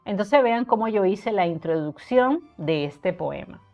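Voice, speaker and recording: A woman's voice: mid-range voice, lively intonation, measured pace, warm tone, dull audio, soft background music. Woman tutor explaining a poem. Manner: explanatory, addresses students directly, counts syllables aloud. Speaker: literature tutor. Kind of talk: online poetry lesson.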